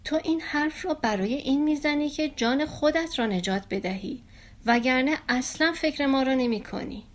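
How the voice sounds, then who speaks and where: A woman's voice: high-pitched, pitched above the performer's own voice, close to an everyday voice. A woman voicing a frightened, selfish school of tiny fish in a storybook reading. The fish sound accusing.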